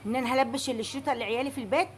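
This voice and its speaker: An Egyptian woman with a high, bright-pitched voice talks quickly into a phone, in a one-sided call. She fires off questions in an indignant, exasperated way, pressing the other person again and again. The mood stays heated and incredulous throughout. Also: steady tone, slight background noise. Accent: Egyptian Arabic. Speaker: mother, vlogger.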